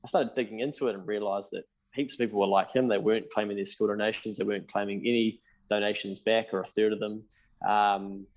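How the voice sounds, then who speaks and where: A man's voice: fairly low pitch, steady tone, quick pace. A man in his thirties with a New Zealand accent, a podcast guest telling his story candidly, swearing casually and acting out past conversations. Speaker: podcast guest, accountant and business founder.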